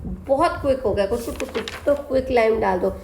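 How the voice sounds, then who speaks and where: A woman teaching a biology exam-prep lesson, reading textbook lines slowly, then explaining them, asking questions and answering them herself. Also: a little high, gravelly, darkish tone. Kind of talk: exam-prep lesson in mixed Hindi and English. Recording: echoey room, faint background noise.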